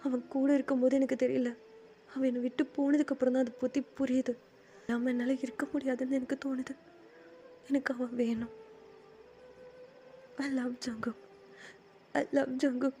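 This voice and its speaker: A woman's voice: sits high, flat delivery, warm tone, slight background noise. A woman voicing a lovesick young man who cries and stammers as he speaks. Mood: tearful. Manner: halting, stammering, crying.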